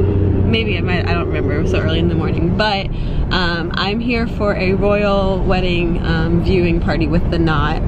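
A woman's voice: mid-range voice, heavy background noise. A young woman vlogging casually, bubbly and rambling with lots of fillers, talking to a handheld camera. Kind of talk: casual vlog chat. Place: hotel room and travel.

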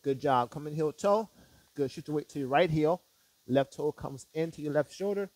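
A man working as a fitness instructor, guiding stretches with short, measured step-by-step directions and counts. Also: fairly high pitch, darkish tone, dry recording.

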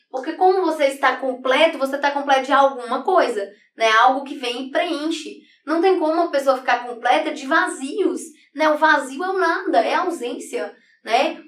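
Explaining figures of speech for exam preparation online, a woman teacher speaks in a high, somewhat bright voice. She writes on a board and keeps asking the class "né?" (right?), with an echoey room and distant mic coloring the sound.

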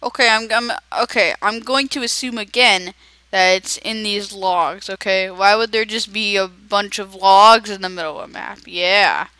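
Excitable young male gamer, bright voice. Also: high-pitched, moderate pace, smooth, no echo, poor audio. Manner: excitable, chatty, talks to himself while playing. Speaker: gaming video creator. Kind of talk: casual gameplay commentary.

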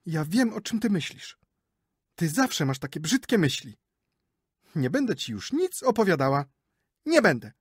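A man voicing a flighty, chattering wife who is quick to take offence, in an audiobook. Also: fairly high pitch, big pitch swings, slightly rough, no echo, studio quality, voice pushed up, heavily acted. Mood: offended. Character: flighty, chattering wife, middle-aged woman. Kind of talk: audiobook character reading.

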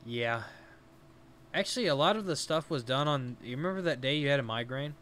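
A man's voice: medium pitch, expressive, fairly quick, fairly bright tone. Chatty young man narrating his gameplay. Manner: chatty, talks through each step aloud. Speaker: let's play host. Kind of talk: casual gameplay commentary. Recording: faint background hiss.

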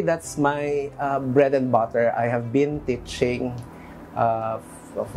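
A man's voice: mid-range voice, warm tone, slight background noise. A man in his thirties with a Filipino accent, an interview guest who mixes English and Filipino, speaking earnestly with frequent restarts. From Philippines. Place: bright studio room, seated on a sofa. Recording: music bed under the voice.

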